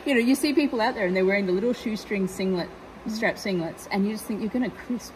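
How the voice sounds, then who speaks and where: A woman's voice: medium pitch, quick pace, background noise. A woman hosting a casual interview from a car, frank, opinionated and playful in how she talks. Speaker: host. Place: in a parked car.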